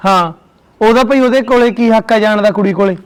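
A man's voice: high voice, a little fast, clean tone, close to an everyday voice. A man playing a son who complains about his mother's behaviour. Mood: indignant. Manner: agitated, complaining. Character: indignant young son, annoyed with his mother. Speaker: son in a comedy sketch. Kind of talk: comic village drama.

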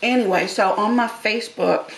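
A woman's voice: mid-range voice, normal speed. A middle-aged woman chatting casually in a rambling, folksy way as host of an eating show. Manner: folksy, colloquial phrasing. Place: small room indoors. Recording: roomy echo with faint background noise.

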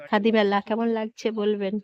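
A Bengali woman vlogger with a hoarse voice from a cold, chattily showing viewers around a fair hall. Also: mid-range voice, little pitch movement, a little fast, a little mellow, lo-fi sound. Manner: chatty, repeatedly urging viewers to look. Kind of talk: casual walkthrough vlog.

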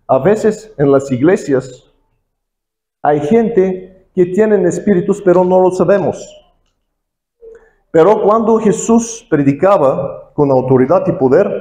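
A man preaching a sermon as an evangelist in a learned language, halting, with many pauses and restarts. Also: high-pitched, warm tone, echoey room, low-quality recording.

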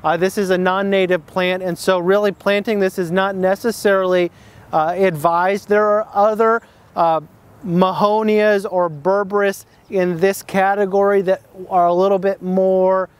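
A man's voice: high voice, level tone, measured pace, clear, resonant tone, dry recording. A man hosting a plant identification lesson outdoors, talking off the cuff with many fillers and restarts.

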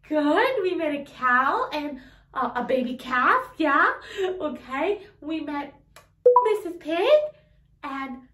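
A children's educational show host teaches toddlers in a very high, sing-song, fairly bright voice. Her teacher talk is exaggerated and encouraging, full of questions with pauses for answers, and the room sounds echoey.

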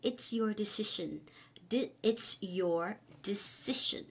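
Lady english teacher going over phrases nice and slow, says each one a few times, chatty and friendly. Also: mid-range voice, creaky, breathy edge. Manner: explains slowly, repeating each English phrase several times; chatty and friendly, with soft polite sentence endings. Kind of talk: online English lesson.

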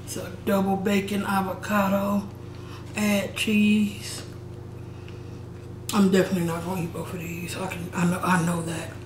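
A woman's voice: mid-range voice, flat delivery, unhurried, pauses often, a little hiss or hum. A young woman chatting casually in slang while she eats for her vlog. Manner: slangy, chatty, talks between bites. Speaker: mukbang vlogger. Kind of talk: casual eating vlog chat. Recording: roomy echo.

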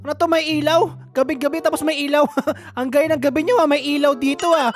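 A woman's voice: sits high, steady tone, fast talker. A woman giving playful gaming commentary, joking and giggling as she talks to the characters on screen. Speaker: gaming YouTuber.

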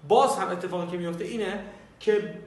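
A man teaching a recorded language lesson, friendly with viewers and repeating each word slowly for pronunciation practice. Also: high voice. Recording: very echoey, distant mic.

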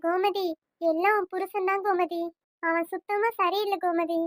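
A woman's voice: extremely high pitch, fairly even intonation, moderate pace, no echo, studio quality. A woman voicing a worried village woman in a cartoon who breaks bad news to a family, speaking in a pleading, apologetic way. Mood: earnest. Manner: pleading, apologetic, repeats 'akka'. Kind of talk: cartoon voice acting.

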